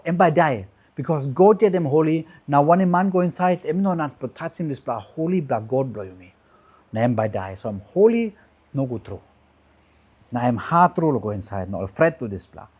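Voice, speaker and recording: A man with a Papua New Guinean accent teaches from the Bible as a preacher in pidgin, in short repeated phrases that rise with emphasis and then trail off softly. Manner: emphatic rises trailing off into lower, softer phrase endings.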